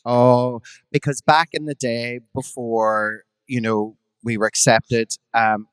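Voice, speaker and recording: A man's voice: medium pitch, flat delivery, slow pace, clear, resonant tone, no room sound. A man with a Belfast accent, a drag performer and guest, telling frank, bawdy stories at a live podcast, with quoted voices. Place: live venue before an audience.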